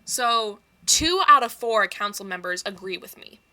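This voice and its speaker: A woman casually recapping a tabletop campaign, swearing freely, acting out quoted lines and dropping into quick whispered asides. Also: medium pitch, animated, bright, forceful tone.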